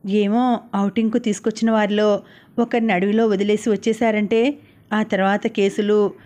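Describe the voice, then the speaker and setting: A woman's voice: mid-range voice, level tone, moderate pace, dark tone, lightly acted. A woman reading the lines of a mischievous, spirited young woman in an audiobook novel. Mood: coy. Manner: playful, coy.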